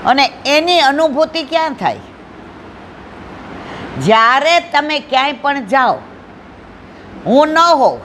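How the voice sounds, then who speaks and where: A woman speaks in a devotional satsang, telling a story and voicing its people herself. She stresses key lines with slow, repeated phrases, and a faint noise hums behind her voice. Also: sits high, fairly bright tone. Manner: acts out dialogue in storytelling, slow emphatic repetitions.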